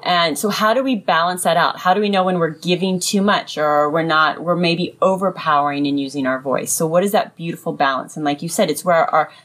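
A woman's voice: low-pitched, a little fast, few pauses, a bit bright. A woman speaking as a sound healer, talking about and guiding spiritual practice. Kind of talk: conversational explanation of chakras and sound healing.

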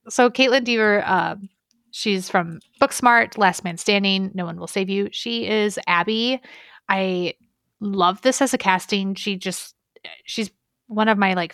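A woman's voice: medium pitch, a bit bright, dry recording, clean studio sound. A young woman co-hosting a gaming podcast in casual, rambling, enthusiastic chat. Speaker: podcast co-host.

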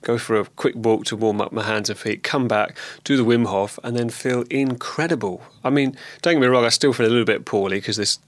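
A man with a lingering cold talks in a relaxed, rambling way, full of ums and restarts, as in a personal video diary. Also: mid-range voice, brisk, hardly any pauses, no echo. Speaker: vlogger.

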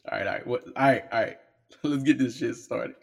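A man's voice: mid-range voice, a little fast, gravelly. A man hosting his own podcast in a home studio, talking casually in a blunt, profane, joking way. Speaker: podcast host. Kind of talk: casual solo podcast talk.

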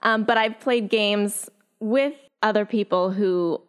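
Laughing woman guest, animated. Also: mid-range voice, slow, clean tone. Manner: animated, laughs often, lively acted quotes. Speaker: actress and guest, dungeon master. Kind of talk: casual interview chat.

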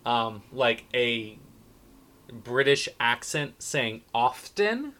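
A man's voice: mid-range voice, sing-song, very slow, bright, forceful tone. A man co-hosting a casual chat, joking and acting out lines in silly voices. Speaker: podcast co-host. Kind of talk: casual chat recapping a film.

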